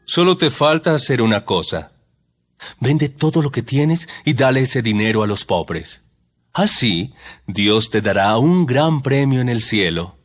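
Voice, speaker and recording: Jesus, with sweeping intonation. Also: male voice, medium pitch, expressive. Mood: earnest teaching. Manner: measured, emphatic, solemn teaching. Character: Jesus, calm solemn male teacher addressing followers. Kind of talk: dramatized audio Bible acting. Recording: background music under the voice.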